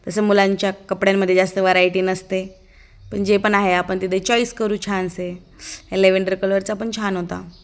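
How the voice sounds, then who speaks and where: A woman's voice: mid-range voice, flat delivery, normal speed. A woman giving a chatty, amused running commentary as a casual vlog voice-over, narrating as the child's aunt.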